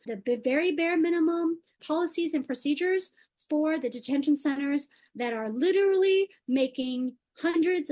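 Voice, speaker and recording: A woman from Afghanistan speaks as an interview guest in a fairly high voice. She talks earnestly and insistently, pressing her points and repeating words for weight. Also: darkish tone. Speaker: guest, advocate. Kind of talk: impassioned interview answers.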